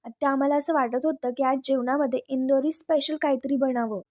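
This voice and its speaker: A woman reading the lines of a scheming young niece in a coaxing manner, in a high voice. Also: steady tone, brisk, darkish tone, no room sound, close to an everyday voice.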